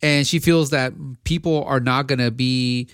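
A man's voice: mid-range voice, fairly even intonation, measured pace, a bit bright, clean tone, dry recording, studio quality. A man co-hosting a podcast, giving his opinion in casual debate, often restarting and repeating words as he thinks aloud. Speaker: podcast co-host.

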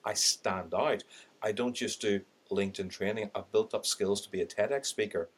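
On a podcast, a middle-aged sales and LinkedIn trainer with an Irish accent recounts his story openly, voicing his past thoughts as quotes and laughing along the way. He speaks at a moderate pace in a lowish, somewhat breathy voice.

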